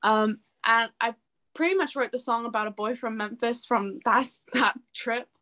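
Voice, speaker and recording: Her voice is fairly high and sharp as she talks at a normal pace. She's a singer-songwriter in her twenties, chatting casually in an interview, full of enthusiasm, quick to put herself down and prone to giggles.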